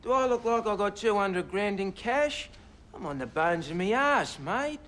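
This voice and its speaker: Australian man, indignant addict witness, high voice, animated pitch, slangy and rambling. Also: moderate pace. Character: agitated scruffy male pensioner addict witness, cocky and evasive. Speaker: witness in court. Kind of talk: film drama acting.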